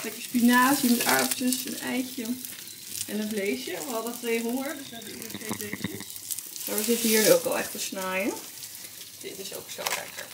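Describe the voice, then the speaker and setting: A young woman with a Dutch accent, chatting casually to a handheld camera at arm's length in her apartment, thinking aloud in a relaxed way. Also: on the high side, normal speed, background noise. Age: young adult. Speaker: vlogger. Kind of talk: casual vlog chat. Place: apartment living room, indoors.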